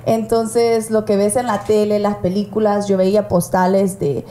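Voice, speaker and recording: A woman's voice: mid-range voice, flat delivery, moderate pace, mellow. Salvadoran woman telling her story, roomy. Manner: storytelling, reflective. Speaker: guest author. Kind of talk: casual interview. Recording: roomy with faint noise.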